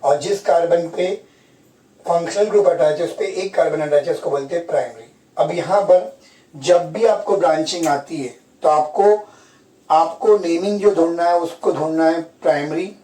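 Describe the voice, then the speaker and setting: Male chemistry teacher, Hindi-English mix, mellow higher voice, roomy sound from a distance. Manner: asks students questions and repeats key terms. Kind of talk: classroom lecture. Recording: echoey room, from far off.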